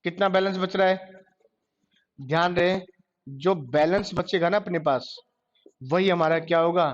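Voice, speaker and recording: A man's voice: high voice, measured pace. A male teacher, lecturing a classroom and asking questions that he then answers himself. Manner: quizzes class, answers his own questions. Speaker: computer teacher. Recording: dull lo-fi classroom recording.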